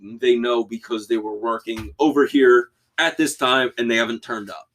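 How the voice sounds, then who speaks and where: A young man co-hosting a podcast in casual, profane, excitable banter. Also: medium pitch, normal speed. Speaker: podcast co-host. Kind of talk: casual chat.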